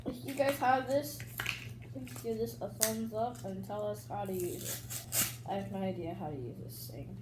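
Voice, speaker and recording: A woman's voice: mid-range voice, moderate pace. A young girl chatting casually to camera, her speech slurred by a numb mouth after a tooth extraction. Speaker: young vlogger unboxing toys. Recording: echoey room with loud noise.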